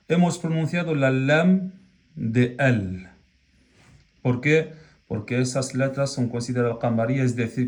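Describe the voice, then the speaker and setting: A man's voice: medium pitch, a little mellow. A man teaching a lesson, explaining patiently and checking in often with the listener. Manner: patient, drawn-out examples with frequent "¿ok?" check-ins. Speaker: Arabic teacher. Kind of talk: slow classroom explanation.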